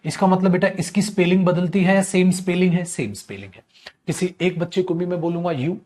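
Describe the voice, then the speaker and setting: A man's voice: high voice, brisk, darkish tone. Man teaching, fond and repetitive. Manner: calls students "my child", repeats key points. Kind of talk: online grammar lecture.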